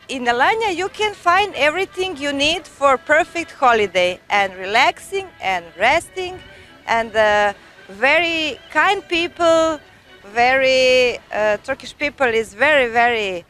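A middle-aged woman from Serbia with a Serbian accent, speaking halting English in a beach street interview, pausing often to find words. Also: sits high, fairly bright tone. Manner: halting, searching for English words with many fillers. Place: sunny beach outdoors. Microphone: handheld reporter mic.

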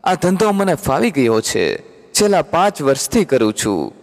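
A man's voice: fairly high pitch, moderate pace. A man voicing a humble rickshaw puller in a storybook. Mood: modest. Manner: modest, calm. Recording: long hall reverb.

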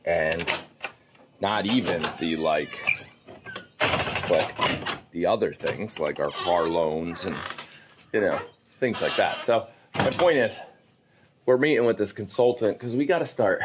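This low-voiced farm vlogger, a man in his forties, talks casually to viewers while tackling morning chores in the goat barn and farmyard outdoors. He rambles as he films on a handheld camera held at arm's length, with a faint hiss or hum in the recording.

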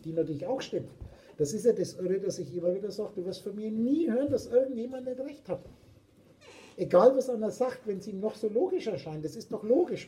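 German-accented male spiritual teacher, preachy and insistent, high pitch. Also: mellow, rough recording. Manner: emphatic, preachy, repetitive. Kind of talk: philosophical talk.

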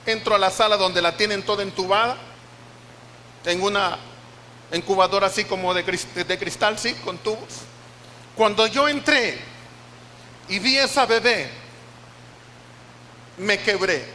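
A man's voice: high voice, a little slow, pauses often, bright, forceful tone, slight background noise. An older Costa Rican man preaching, a pastor telling an emotional testimony with repeated phrases in a church. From Costa Rica. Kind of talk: sermon testimony. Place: church hall. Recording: reverberant church hall.

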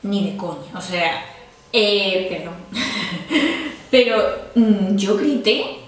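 A woman's voice: mid-range voice, drawn-out words, far from the mic. Chatty woman in an echoey room. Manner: animated, laughing while recounting. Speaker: vlogger. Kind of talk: casual storytelling to camera.

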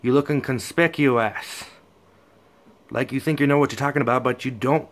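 A man's voice: mid-range voice, fairly even intonation, normal speed. A man performing a loose, half-spoken freestyle rap, a profane, taunting rant aimed at rival rappers. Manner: loose, half-spoken delivery without rhymes.

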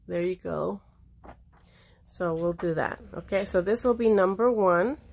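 Her voice low, creaky and darkish, a seller leisurely flips through old books on a table indoors, showing them off for auction. It's casual show-and-tell; she's chatty, wanders in her talk and leaves sentences unfinished.

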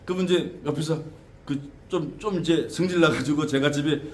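A man teaching students as a shaman teacher, lecturing in an animated way with frequent tag questions and laughter. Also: on the high side, moderate pace. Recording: echoey room with faint background noise.

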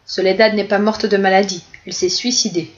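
A woman's voice: mid-range voice, steady tone, a little fast, lo-fi sound, close to an everyday voice. Woman reading as a gossiping society lady. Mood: confiding.

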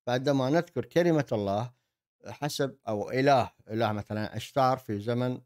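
A man. He delivers an explanatory monologue as a host. His phrasing is halting, with repeated words as he searches for the next thought. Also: mid-range voice, darkish tone. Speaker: host, commentator. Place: indoor desk setup with virtual backdrop. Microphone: desk microphone on an arm.

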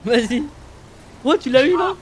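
A man with a high, animated voice hosts a gaming session, reacting loudly and slipping into mock-announcer lines. His pitch jumps around a lot over faint background noise. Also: normal speed. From France. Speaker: YouTuber host. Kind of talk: excited gaming chat.

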